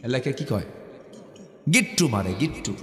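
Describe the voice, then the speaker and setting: A man's voice: mid-range voice, sing-song, moderate pace. A middle-aged man from Bangladesh with a North Bengal accent, preaching a sermon and leading call-and-response with the crowd. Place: large outdoor sermon gathering. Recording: echoey hall, long reverb.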